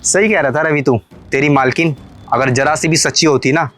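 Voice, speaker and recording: A man's voice: on the high side, fairly even intonation, normal speed, a bit bright, natural voice. Man voicing a suspicious, pleading husband. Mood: accusing. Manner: pleading, questioning, accusing. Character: suspicious young husband, earnest and wounded. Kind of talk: Hindi cartoon story dubbing.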